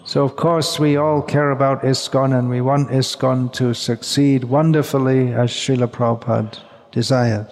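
A man giving a measured religious lecture in short phrases, pausing and repeating words while an interpreter follows. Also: medium pitch, little pitch movement, darkish tone. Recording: long hall reverb.

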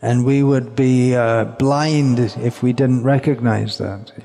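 Slow gravelly man lecturing in a hall. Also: mid-range voice, fairly even intonation, warm tone. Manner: measured, halting, repeats words. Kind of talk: religious lecture with interpreter. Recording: long hall reverb.

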